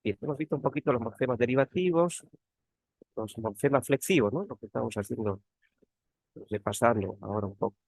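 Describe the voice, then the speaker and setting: Gravelly-voiced man teaching an online class. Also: medium pitch, a little fast, dry recording. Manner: repeats key words, frequent tag questions. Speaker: teaching assistant. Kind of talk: online grammar tutorial. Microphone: computer mic on a video call.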